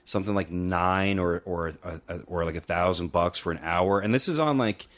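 A man's voice: low-pitched, moderate pace, fairly bright tone. A man co-hosting a podcast, chatting in a laid-back way full of fillers. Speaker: podcast co-host. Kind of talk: casual podcast chat.

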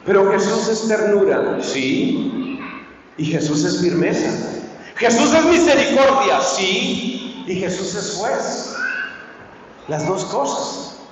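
A man preaching a sermon as a priest, swinging from hushed pleading to fervent shouting. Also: high voice, expressive, slow pace, pauses often, a little hiss or hum. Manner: impassioned, swings from soft to shouting. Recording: echoey hall, distant mic, dull sound.

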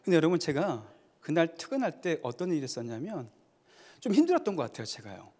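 Male pastor, lively and somewhat high voice, preaching in a church hall with long reverb. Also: fast. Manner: storytelling with acted dialogue, emphatic. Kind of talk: sermon. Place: church sanctuary.

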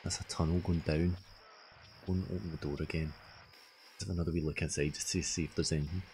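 Low, creaky-voiced Scottish man streaming. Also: steady tone, fast talker, a little mellow, a little hiss or hum. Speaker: game streamer. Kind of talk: casual live gameplay commentary, chatting to viewers.

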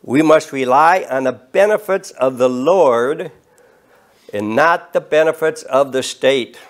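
A man of eighty preaching an earnest, measured sermon from a podium and rising in emphasis on key words. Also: medium pitch. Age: 80s. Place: studio set with bookshelves and flags.

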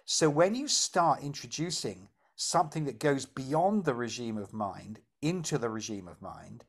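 A man leads a lesson with a lively, swinging delivery. His pitch rises and falls a lot as he explains. He sounds animated and breaks into small laughs at his own examples. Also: measured pace, creaky, husky. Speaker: teacher. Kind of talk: explaining a meditation exercise.

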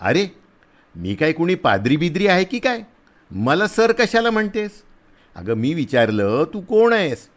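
A man playing a big, rough soldier who is blustering but kind, talking loudly in a scolding, teasing way. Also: fairly high pitch, big pitch swings, a little slow, pitched above the performer's own voice.

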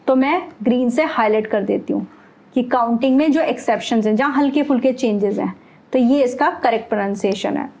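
This is a beginner language lesson led by a woman from India whose voice is high, light, and a little mellow. She answers her own questions to the learner and drops English words into what she explains.

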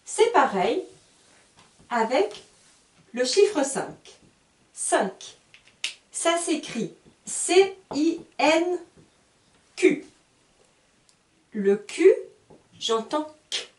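A woman's voice: sits high, very animated, very slow, pauses often, slight background noise. A woman teaching a beginners' lesson, spelling words letter by letter and repeating her examples carefully. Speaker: French teacher. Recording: roomy sound, voice a bit far from the mic.

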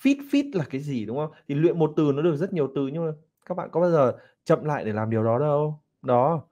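A man with a Vietnamese accent teaching English pronunciation online, animated and slowing down to demonstrate and repeat words. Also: fairly high pitch.

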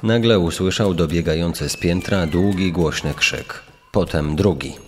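A man narrating a true-crime story in a measured, dramatic way, with a long reverb on his voice. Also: sits low, a little hiss or hum. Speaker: podcast narrator.

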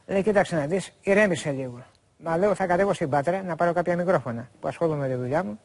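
Earnest Greek man, slightly high voice. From Greece. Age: 40s. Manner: earnest, repetitive, quotes others at length. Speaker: guest. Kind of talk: rambling confessional chat.

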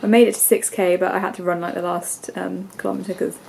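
In her bedroom, a congested English vlogger in her twenties holds the camera at arm's length and chats fairly quickly, rambling with many ums and likes. Her stuffy-nosed voice is on the low side, level, creaky and darkish. The recording is low quality, with slight background noise.

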